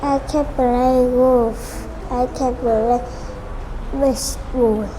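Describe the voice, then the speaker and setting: High-voiced woman, slow beginner english, halting, noisy background. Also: steady tone. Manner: halting, repeats simple sentence patterns. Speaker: English student. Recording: background noise.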